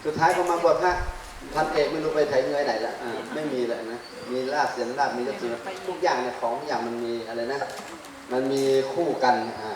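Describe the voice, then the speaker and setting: A man who is a Buddhist monk, teaching a class with a handheld mic. He quizzes the audience and fills his pauses with a drawn-out "ah". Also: medium pitch, a crowd in the background. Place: large hall, standing before a seated group. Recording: very echoey hall, distant mic, faint noise.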